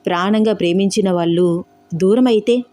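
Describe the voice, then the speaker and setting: A woman voicing a calm young man in a storybook romance, reasoning patiently and persuasively. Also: mid-range voice, normal speed, lightly acted. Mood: earnest.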